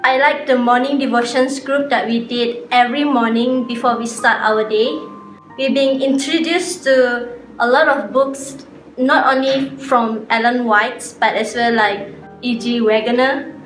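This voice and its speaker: A woman's voice: on the high side, fairly even intonation, unhurried, a bit bright, faint music behind. A woman from Malaysia, speaking plainly in a personal testimony. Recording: roomy, distant recording.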